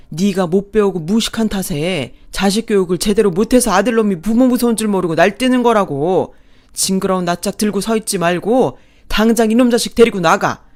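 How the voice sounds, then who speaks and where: A woman voicing a blustering, arrogant older father-in-law who shouts scornfully. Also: fairly low pitch, no room sound, lightly acted.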